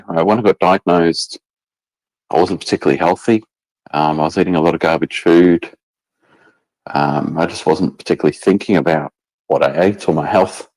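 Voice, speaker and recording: Deep-voiced man chatting on a call. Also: a little mellow, rough recording. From England. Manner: rambling, many restarts and fillers. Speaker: guest. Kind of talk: casual chat.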